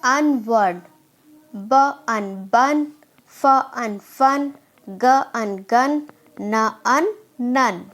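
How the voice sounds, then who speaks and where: A woman, teaching a phonics lesson and slowly sounding out letters before blending them into words. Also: a little high, fairly bright tone. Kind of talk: slow phonics drill.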